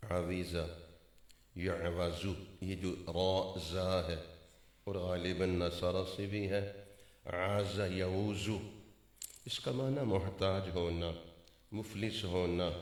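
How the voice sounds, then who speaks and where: A man with a fairly low voice gives a didactic sermon, stretching out letter names in a chanting way. The sound is echoey, as in a large mosque hall. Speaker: mufti giving a religious talk. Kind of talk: sermon on correct Quran pronunciation.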